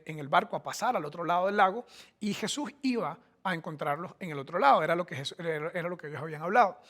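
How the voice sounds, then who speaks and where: Man, pastor, sermon, fairly high voice, emphatic, conversational. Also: fairly bright tone. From Costa Rica. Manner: conversational, emphatic preaching with frequent restarts.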